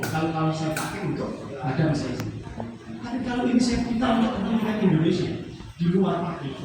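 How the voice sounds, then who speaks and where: A middle-aged man giving an emphatic training lecture, climbing high through lists and dropping low on asides. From Java. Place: training hall. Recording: echoey hall from far off, noisy.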